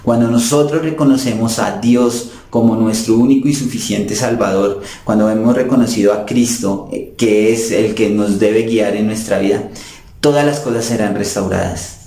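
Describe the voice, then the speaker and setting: A man's voice: on the low side, fairly even intonation, normal speed, warm tone. A man preaching a sermon in an earnest way, addressing his listeners as brothers and sisters. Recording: roomy echo.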